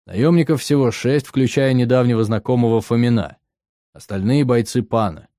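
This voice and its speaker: A man narrating an audiobook in the first person, matter-of-fact and even. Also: medium pitch, moderate pace, no room sound, clean studio sound.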